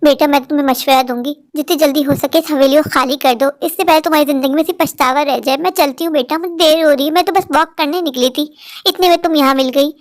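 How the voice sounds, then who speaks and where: A woman's voice: sits high, fairly even intonation, fast, close to an everyday voice. A woman voicing an elderly woman who gives earnest, cautionary advice. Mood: warning. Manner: earnest, advising.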